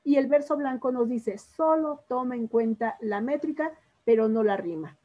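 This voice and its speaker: A woman's voice: on the high side, moderate pace. A woman teaching a literature lesson on poetry, patiently quizzing her students and drawing out syllables. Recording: dull lo-fi classroom recording.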